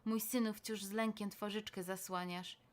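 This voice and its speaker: Woman playing a soothing, gentle father. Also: medium pitch, fairly even intonation, normal speed, natural voice. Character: calm, soothing father reassuring his son.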